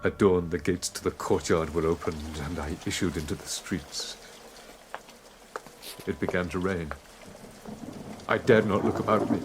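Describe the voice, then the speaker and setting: A man's voice: low voice, music in the background. A man playing Victor Frankenstein, an anguished, fearful young scientist, in theatrical gothic audiobook style. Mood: haunted dread. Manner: anguished, intense, halting when nervous. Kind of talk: dramatised audiobook acting, theatrical gothic delivery.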